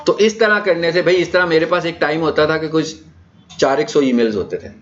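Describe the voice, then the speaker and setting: This digital marketing trainer, who has a Pakistani accent, speaks a little fast in a fairly high voice, with some hiss or hum in the background. He delivers a casual orientation lecture, explaining material and checking in with rhetorical questions, on dull, lo-fi audio.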